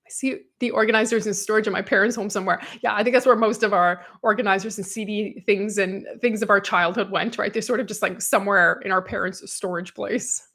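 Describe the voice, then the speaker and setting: Reading out listener comments and laughing frequently, a chatty woman in her thirties co-hosts a podcast in a relaxed, animated way. She speaks at a medium pitch and a brisk pace.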